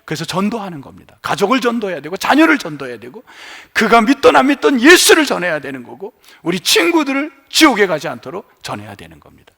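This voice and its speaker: A man's voice: high voice, huge pitch swings, fast talker, gravelly, few pauses, fairly bright tone. A male pastor preaching a sermon in a church, telling a story animatedly and acting out the people's words. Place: church sanctuary.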